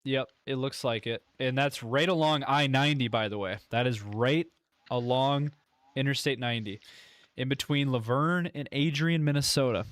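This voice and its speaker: A man's voice: mid-range voice, moderate pace, fairly bright tone, clean tone, no room sound. Man, live weather host, clean resonant voice, dry sound, concerned commentary, repetitive. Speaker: severe weather livestream host. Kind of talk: live storm coverage commentary.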